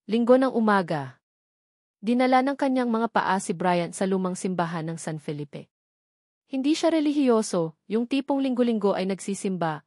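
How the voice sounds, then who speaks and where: A woman with a Filipino accent delivers a dramatic scripted narration of a romance story. Her mid-range voice is a little mellow, recorded dry with clean studio sound.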